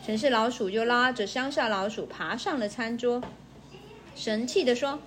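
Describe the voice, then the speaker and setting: A woman's voice: fairly high pitch, moderate pace, fairly bright tone. A woman reading fables aloud to a young child in a sing-song, coaxing way, stopping to ask the child questions.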